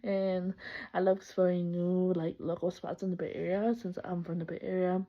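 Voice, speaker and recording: Introducing herself for class, this young Salvadoran woman sounds upbeat and talkative, laughing a lot and fixing her own words. She has a lowish voice with a level tone at normal speed, recorded in slightly muffled lo-fi.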